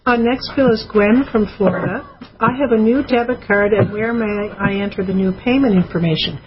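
A woman's voice: medium pitch, a little fast. A woman co-hosting a radio show, reading listener emails aloud in a chatty, teasing way. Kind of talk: casual radio call-in talk. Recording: dull lo-fi radio audio with faint hiss.

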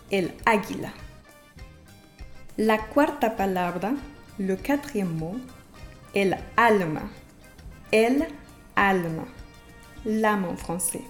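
A woman hosting a podcast language lesson who explains slowly and carefully, and who repeats example words for her learners. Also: mid-range voice, darkish tone. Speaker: Spanish teacher and podcast host.

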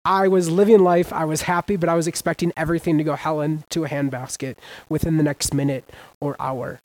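Higher-voiced man preaching with sudden emphasis. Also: flat delivery, fairly quick, low-quality recording. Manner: emphatic, with sudden loud rises and casual slang. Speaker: pastor. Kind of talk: sermon.

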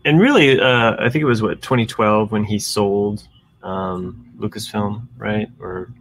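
A man's voice: on the low side, unhurried, no echo. A man co-hosting a podcast in casual chat, rambling along with many restarts. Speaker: podcast co-host.

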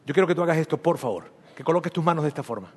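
A man's voice: a little high, expressive, racing, slightly rough, in a large hall. A man preaching a sermon as pastor, emphatic and repetitive, leading his congregation in spoken declarations. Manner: emphatic, repeats phrases, leads congregation in declarations. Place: church hall.

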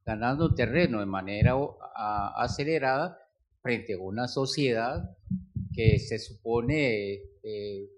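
A man's voice: medium pitch, takes it slowly. A man from the audience poses a careful question to the speaker. He hesitates often and searches for his words, in an ordinary mid-range voice. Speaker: audience member asking a question. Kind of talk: question from the floor.

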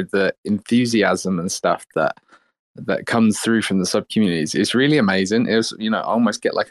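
Low-voiced man talking haltingly, close and dry. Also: no room sound. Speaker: NFT project team member speaking as guest. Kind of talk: casual talk in an online audio space.

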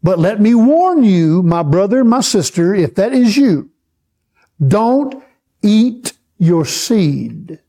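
A man preaching a sermon, teaching slowly and checking in with the congregation as he goes. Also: high voice, big pitch swings, dark tone. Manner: slow, repetitive, checks in with the congregation. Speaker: pastor.

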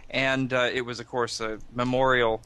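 A man co-hosting a podcast in casual chat, speaking in a hesitant, halting way. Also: medium pitch, flat delivery, a bit bright, clear, resonant tone. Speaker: podcast co-host.

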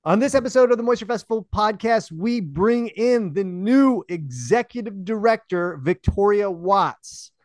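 A man's voice: sits high, animated, normal speed, hardly any pauses, a little mellow, no echo. A man hosting a podcast, chatty and upbeat. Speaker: podcast host. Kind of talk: casual podcast chat.

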